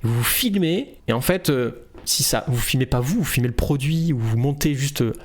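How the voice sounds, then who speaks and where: A man's voice: medium pitch, normal speed. Chatty man coaching on online business. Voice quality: relaxed, chatty, frequent fillers and restarts. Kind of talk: casual livestream talk.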